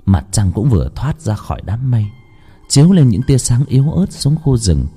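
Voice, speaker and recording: A man narrating a horror story in a dramatic, slow and suspenseful way. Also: mid-range voice, sing-song, dark tone, breathy edge.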